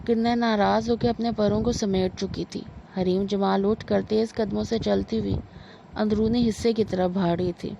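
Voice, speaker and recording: A woman reading a novel aloud in a measured storytelling manner. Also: medium pitch, gravelly, mellow. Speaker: narrator. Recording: dull lo-fi with faint noise.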